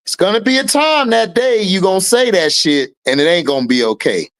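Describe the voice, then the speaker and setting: Brisk and lively in intonation, this man's voice sits high. In his thirties, he hosts an online sports and commentary stream, reacting to chat with casual opinions. He's blunt and heated, swears liberally, and gets loud when something riles him.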